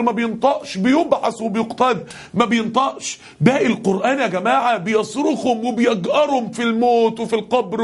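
A man with an Egyptian Arabic accent preaching a passionate sermon to a congregation, his voice climbing to shouts on the key lines. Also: very high voice, breathy edge. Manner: impassioned, rising to shouts on key verses.

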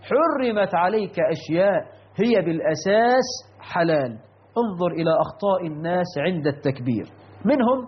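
A man's voice: sits high, dull audio. A man teaching a religious lesson, asking rhetorical questions and correcting common mistakes. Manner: instructive, rhetorical questions, mimics errors. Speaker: preacher.

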